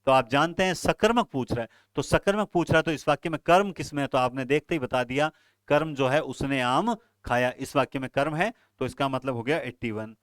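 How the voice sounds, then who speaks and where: A man's voice: medium pitch, a little fast, no room sound. A man, teaching an online exam-prep lesson and talking earnestly and directly to his students. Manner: earnest, advising students directly, with frequent fillers.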